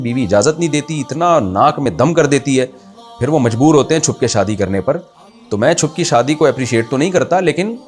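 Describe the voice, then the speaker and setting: A man, an Islamic scholar, answering viewer questions in a conversational, explanatory way, with rhetorical questions and his pitch rising on emphasis. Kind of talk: religious Q&A talk.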